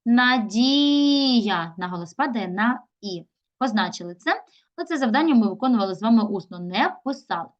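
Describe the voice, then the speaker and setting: A woman teacher giving a recorded lesson to young children. She reads words aloud and stretches out their syllables slowly. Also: medium pitch, lively intonation, lo-fi sound. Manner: slow, drawn-out syllables when sounding out words. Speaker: primary school teacher.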